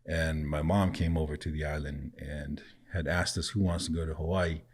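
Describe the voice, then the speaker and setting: A man from Samoa who grew up speaking, seemingly in his thirties and a guest on a relaxed podcast, tells casual stories and laughs often. His very low voice is slightly rough, moving at a moderate pace.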